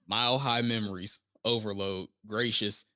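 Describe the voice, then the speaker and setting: A man's voice: on the low side, steady tone, a little slow, pushed and bright. A man co-hosting a podcast in casual chat, laughing often as he talks. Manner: laughs often, reads track list aloud. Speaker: podcast co-host.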